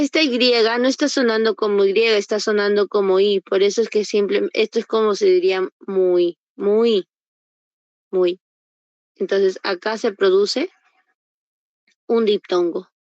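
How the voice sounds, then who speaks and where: A woman's voice: medium pitch, no room sound. Woman teacher on a dull video call. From Peru. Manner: patient, repeats and sounds out example words, quizzes students. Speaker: university entrance prep teacher. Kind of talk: online class explanation. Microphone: computer mic on a video call.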